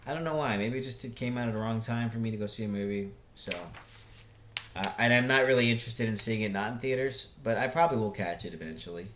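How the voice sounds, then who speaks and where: Speaking at a quick pace in a medium-pitched, fairly bright voice, a man offers blunt, rambling opinions off the cuff, vlogger-fashion. He frequently pauses to search for words, and there's a slight background noise.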